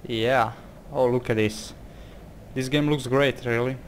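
In a measured, fairly even mid-range voice, a man from Croatia with a Croatian accent does casual let's-play commentary, reading out the game's text in a hesitant, exclamatory way. Slight background noise can be heard.

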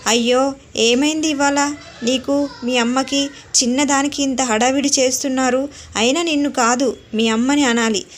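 Brief: woman reading as a teasing young dad, affectionate and playful, voice sits high. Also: fairly even intonation, normal speed, slight background noise, lightly acted. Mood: fond scolding.

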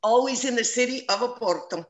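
A woman's voice: on the high side, a little fast, low-quality recording. A middle-aged woman moderating an interview over a video call from a room at home, speaking in an earnest and personal way.

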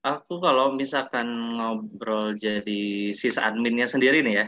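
A man in his late twenties, a guest sysadmin, talking politely and relaxed in a casual interview. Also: fairly low pitch, a little slow, no echo. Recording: dull lo-fi dry mic.

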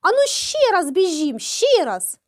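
A woman's voice: very high voice, big pitch swings, a little slow, exaggerated voice. A woman voicing an impatient, boastful male hare in a children's fairy tale. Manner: impatient, exclaiming.

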